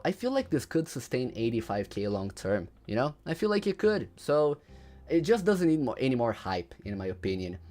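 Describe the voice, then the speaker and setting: A man's voice: medium pitch, darkish tone. A man livestreaming casually. He says "bro" and "you know" all the time, repeats his lines, and reads chat messages aloud before answering them. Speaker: livestreamer ranking game items.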